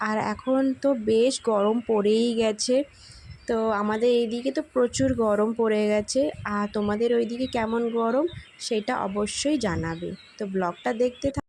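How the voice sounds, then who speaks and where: A woman's voice: a little high, gravelly, darkish tone, a little hiss or hum. A young woman in a casual family vlog, chatting to her viewers as friends at home. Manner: coaxing, patient with her toddler. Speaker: vlogger.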